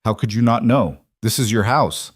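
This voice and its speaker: A man reading a young woman's lines in a story, speaking in a sharp, accusing way with a raised voice. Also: fairly low pitch, lively intonation, normal speed, slightly rough, dry recording, clean studio sound. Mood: bitter. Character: young woman, wary bride, hurt and angry.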